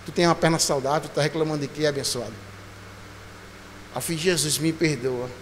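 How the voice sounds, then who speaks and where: A male pastor preaching a sermon, telling a lively story and acting out voices and sounds. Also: a little high, fast, a little hiss or hum. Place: church. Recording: church hall reverb, faint ambience.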